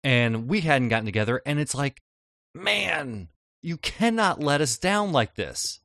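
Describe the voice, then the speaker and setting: A man co-hosting a TV review podcast who rants in an exasperated tone. His pitch swoops up and down, and the recording is dry with no room sound. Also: measured pace, no room sound. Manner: exasperated, animated ranting. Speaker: podcast co-host. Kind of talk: casual review chat.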